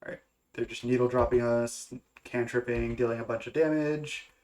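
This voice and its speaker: This young gaming content creator's voice is mid-range, slightly mellow, and fairly even in intonation, at a moderate pace, though stuffy and congested. Thinking aloud in a casual way, he goes through his card game choices hesitantly, with many fillers and restarts.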